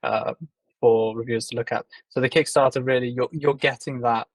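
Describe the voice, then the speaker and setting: A man from the UK, a company founder, explaining things in a measured way with many ums and uhs during an interview. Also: medium pitch, fairly even intonation, no room sound, poor audio. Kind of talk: casual video interview.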